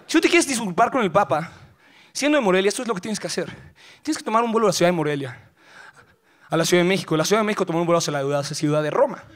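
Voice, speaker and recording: Mexican guy doing stand-up, really high voice, slangy storytelling. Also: animated, very fast. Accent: Mexican Spanish. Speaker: stand-up comedian. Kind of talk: live stand-up routine. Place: auditorium stage, live show.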